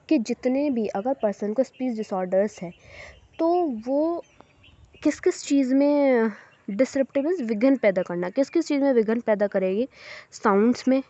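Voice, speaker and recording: A woman giving an explanatory lecture in a fairly high but mellow voice. She reads each point slowly and then talks it through, pausing often to check her listeners are following. The recording sounds dull and lo-fi. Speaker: teacher.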